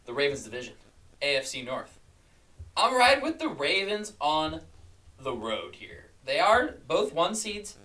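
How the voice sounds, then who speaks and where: A man's voice: on the high side, very animated, unhurried, pushed and bright, distant mic. Upbeat man hosting a sports podcast. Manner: upbeat, leads the discussion. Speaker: podcast host running the picks. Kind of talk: casual sports picks chat.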